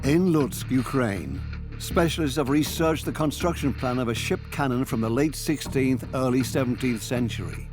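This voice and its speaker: A man delivering scripted documentary narration in a measured, dramatic manner. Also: medium pitch. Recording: prominent music bed. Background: music.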